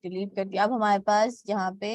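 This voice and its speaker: A woman with a mid-range, steady voice walks through graphic design step by step in a screen-recorded software tutorial, talking fairly quickly over a dry recording. She speaks Hindi mixed with English terms and drops a frequent "okay" between steps.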